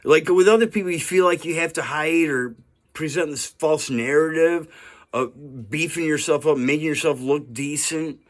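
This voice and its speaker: A man in his fifties talking straight into the camera in a loose, rambling monologue. He sounds earnest, and he keeps checking in with "right?" and "you know". His voice sits a little high for a man. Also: moderate pace. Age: 50s. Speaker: vlogger.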